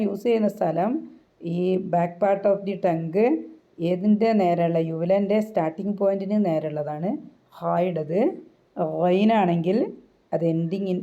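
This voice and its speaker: Her voice is warm and fairly low, captured in lo-fi sound. She teaches the pronunciation of Arabic letters for reciting the Quran, an explanatory lesson in which she repeats things patiently and checks with her audience.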